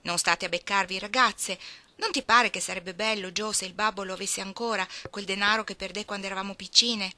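A woman's voice: mid-range voice, steady tone, a little fast, pushed and bright. A woman reading as the eldest sister, plaintive and given to lecturing the younger ones.

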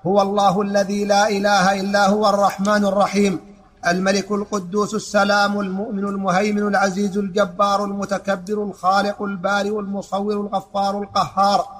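A man reading a classical text aloud in a lesson, in a flat, even recitation with small stumbles and restarts. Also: high voice.

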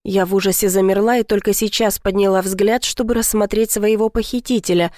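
A woman reads a tense first-person story with dramatic intensity. Her voice is mid-pitched and sounds dry and close, with no room around it. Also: steady tone, brisk, a little mellow, no echo. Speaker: audiobook narrator.

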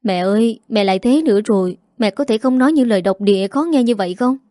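A woman voicing a young office worker, a worried daughter who pleads gently, in a mellow dry voice. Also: a little high, quick pace, no room sound, natural voice. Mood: pleading.

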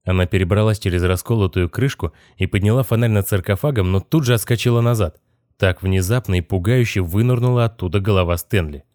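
A man reads an audiobook in a measured, even narrating voice. His voice sits fairly low, and the recording is dry and close, with no room sound. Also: no echo. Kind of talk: scripted narration.

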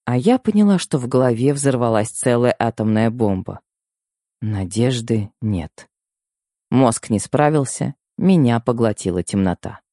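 Dark-voiced audiobook narrator. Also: medium pitch, expressive, unhurried, no room sound, clean studio sound.

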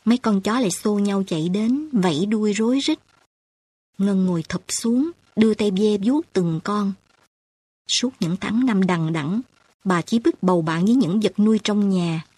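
A woman narrating a sorrowful novel and its poems in a slow, lyrical way. Her voice is husky and breathy. The recording is close and dry. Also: mid-range voice, dark tone, dry recording. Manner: slow, lyrical, emotional reading. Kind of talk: audiobook narration with poetry.

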